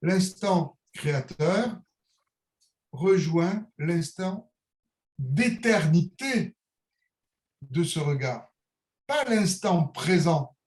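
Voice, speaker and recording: A man's voice: a little high, lively intonation, very slow, long pauses, a little mellow, reverberant. A middle-aged man with a Niçois accent talking in a searching, philosophical way, with many hesitations and restarts. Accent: Niçois French. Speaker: calligrapher, interview guest. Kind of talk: reflective conversational monologue.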